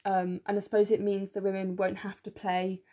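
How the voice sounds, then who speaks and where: A young adult woman co-hosts a podcast from her room, recorded on a phone, chatting casually with lots of enthusiasm and many fillers. Her voice is slightly croaky and dark in tone, medium in pitch with little movement, at a moderate pace.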